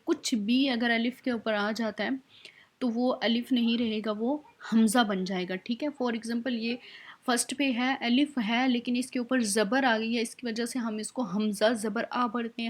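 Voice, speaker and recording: A woman teaching Quran recitation in an online lesson, explaining patiently step by step and checking in often. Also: fairly high pitch. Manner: slows down to spell out recited words.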